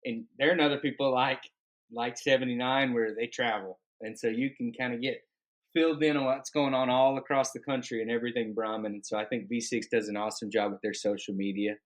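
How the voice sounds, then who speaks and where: A man's voice: medium pitch, fairly even intonation, a little fast. A man co-hosting a podcast in easygoing casual chat, thinking aloud as he talks. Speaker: podcast co-host.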